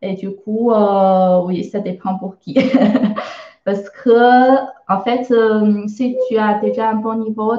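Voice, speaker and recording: A woman's voice: medium pitch, reverberant, dull audio. A woman with a Chinese accent and Mandarin as her first language, teaching a live online lesson and explaining patiently with many hesitations and filler sounds.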